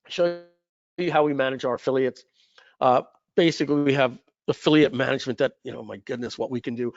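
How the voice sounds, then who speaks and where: A man presenting a software demo on a webinar in a chatty way, often acting out quick bits of dialogue. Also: a little high, no room sound, dull audio. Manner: chatty, acts out quoted dialogue. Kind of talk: webinar screen-share demo.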